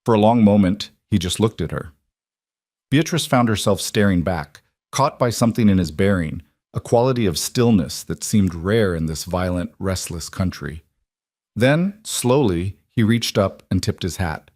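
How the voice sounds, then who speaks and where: Low-voiced man narrating a western tale. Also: lively intonation, moderate pace, a little mellow, dry recording, clean studio sound. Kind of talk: scripted narration.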